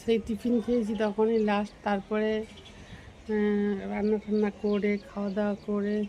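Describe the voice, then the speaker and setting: A woman's voice: medium pitch, completely flat delivery, normal speed, dark tone, a little hiss or hum, low-quality recording. Chatty Bengali woman vlogging while cooking. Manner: chatty, talks to viewers while cooking and walking. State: unwell with a cold. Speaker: family vlogger. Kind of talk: casual vlog chat while cooking.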